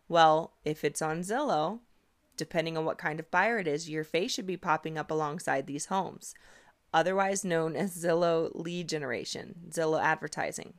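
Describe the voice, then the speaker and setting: Woman, podcast host, lower voice, coaching tone, persuasive. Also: fairly bright tone. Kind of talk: conversational podcast monologue.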